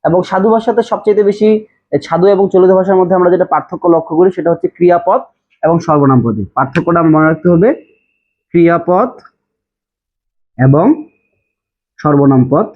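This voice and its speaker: Husky-voiced male teacher from bangladesh, slightly high, patient explainer, lo-fi phone-like sound. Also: brisk, pauses often. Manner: explanatory, repeats key terms, checks understanding. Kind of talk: classroom lecture. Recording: tinny phone-like audio.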